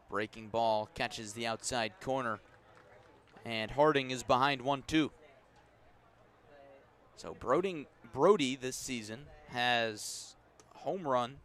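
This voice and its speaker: Calling baseball live on radio, a man speaks in unhurried, measured phrases and picks up his energy when the ball is in play. His voice is mid-pitched, clean, and fairly bright.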